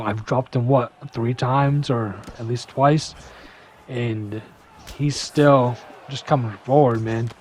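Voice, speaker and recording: A young man giving a casual gameplay breakdown, full of "you know" fillers and sometimes rushing to keep up with the action. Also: medium pitch, slight background noise. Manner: casual, filler-heavy, talks fast to keep up. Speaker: gaming YouTuber.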